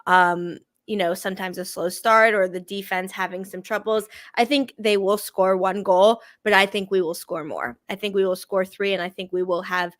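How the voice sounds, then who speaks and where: A woman's voice: mid-range voice, fairly even intonation, moderate pace, few pauses, a bit bright, no room sound. A woman, hosting a casual live sports stream, upbeat and chatty, full of "you know" and "like". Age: 20s. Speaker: sports show host.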